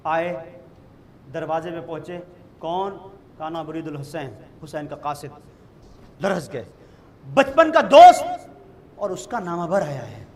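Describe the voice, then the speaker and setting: A man preaching a Muharram sermon, telling the story dramatically, moving between hushed passages and wailing cries, and chanting Arabic quotations slowly. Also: a little high, lively intonation, a little hiss or hum. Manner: recites Arabic quotations in slow chanted tones. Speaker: Shia cleric giving a Muharram majlis.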